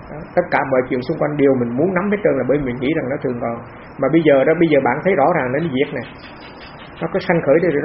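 A man's voice: fairly high pitch, gravelly. A man, a monk giving a plain, repetitive, conversational Dharma talk at a meditation retreat. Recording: dull lo-fi talk recording with faint noise.

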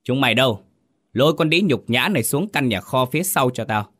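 A man's voice: medium pitch, animated, a little fast, no echo, clean studio sound, pitched above the performer's own voice. A man voicing a furious, humiliated old father who hurls insults and orders at his household. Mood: raging. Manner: raging, shouting insults. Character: furious older father, proud and violent.

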